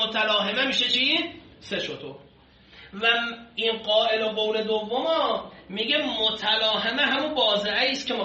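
A man's voice: high voice, pushed and bright. A man teaching a class, reading and explaining legal texts step by step and often putting questions to his students. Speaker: seminary teacher. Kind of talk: classroom lecture on Islamic law texts. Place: classroom with a whiteboard. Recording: echoey, dull lo-fi classroom recording.

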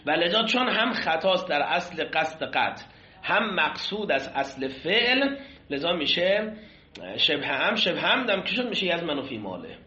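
A man's voice: a little high, sing-song, sharp tone. A man teaching a seminary class on Islamic law, explaining a classical text and putting questions to his students. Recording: echoey room, dull lo-fi sound.

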